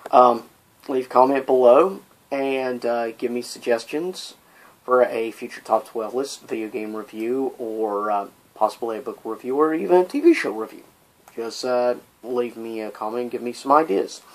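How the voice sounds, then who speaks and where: In a rough recording, a man with a medium-pitched voice at normal speed runs an informal top-list vlog full of strong opinions. He rambles off on side notes and throws out exasperated rhetorical questions as host.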